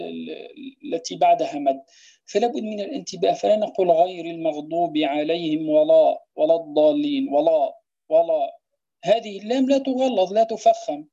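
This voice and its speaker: A Quran recitation teacher gives a tajweed lesson on a verse, patiently explaining each rule and slowly repeating example words to show their pronunciation, asking "clear?" along the way. Her voice is low, mellow, and somewhat husky, and the recording sounds dull and lo-fi.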